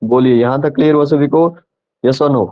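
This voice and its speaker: This online tutor is a man whose medium-pitched voice has fairly level intonation and a normal pace, with the high frequencies cut off. Teaching live, he patiently repeats his points and asks the class whether they follow.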